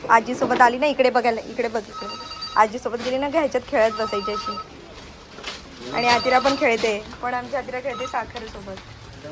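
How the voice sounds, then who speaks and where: A young woman vlogging with a phone while shopping, coaxing and scolding her small child as she goes. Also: on the high side. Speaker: vlogger and mother. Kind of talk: casual vlog while shopping. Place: busy market outdoors and in a shop. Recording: noisy market background.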